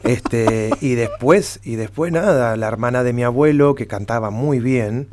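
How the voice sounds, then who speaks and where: Background noise accompanies a middle-aged man from the Buenos Aires area speaking at a measured pace in a medium pitch. He's a flamenco musician being interviewed, chatting and reminiscing informally in Buenos Aires Spanish.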